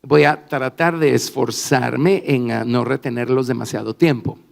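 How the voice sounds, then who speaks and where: A man's voice: medium pitch, fairly even intonation, unhurried, creaky. A man speaking in church as an interpreter, in the style of prayer and sermon. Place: large church hall. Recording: reverberant church hall, faint music.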